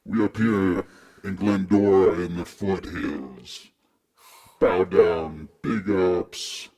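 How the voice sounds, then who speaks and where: A man voicing a boasting male radio DJ with a put-on Jamaican accent, in a shouty hype-man delivery. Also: deep voice, steady tone, drawn-out words, crowd noise. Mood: boastful.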